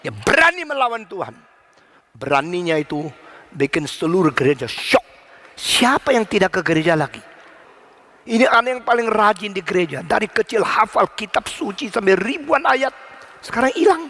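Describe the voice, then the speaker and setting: A man preaching a sermon as pastor, animated, mixing in English phrases and bursting into sudden loud exclamations. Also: sits high, normal speed.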